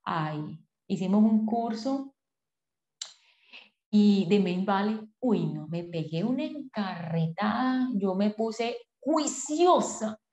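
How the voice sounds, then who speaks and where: A woman, a podcast guest telling her personal story in an animated way, acting out her past self in quotes. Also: medium pitch, slow pace. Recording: echoey room, dull lo-fi sound.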